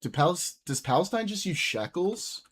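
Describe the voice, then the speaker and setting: In a high, sing-song voice that's a bit bright and slightly rough, a young livestream host reads chat at a moderate pace. The talk is casual, loose banter with his viewers, heavy on profanity.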